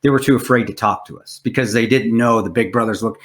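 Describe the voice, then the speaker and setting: A man's voice: mid-range voice, quick pace. A man hosting a casual interview podcast, telling stories in a profane, rambling way full of restarts. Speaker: podcast host.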